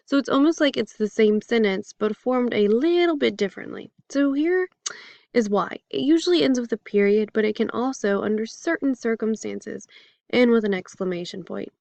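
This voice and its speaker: A woman's voice: on the high side, animated, normal speed, gravelly, darkish tone, dry recording, dull audio. A woman teaching a casual grammar lesson in a chatty, upbeat way, with fillers and jokey examples.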